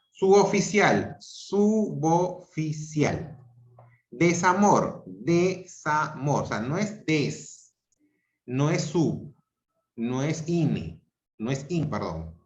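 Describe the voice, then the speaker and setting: Over a video call with roomy, dull audio, a man with a Peruvian Spanish accent teaches grammar online. His voice sits a little high, and his delivery is slow and deliberate as he breaks every example into syllables. He keeps checking that students follow with "¿ok?" and "¿ya?".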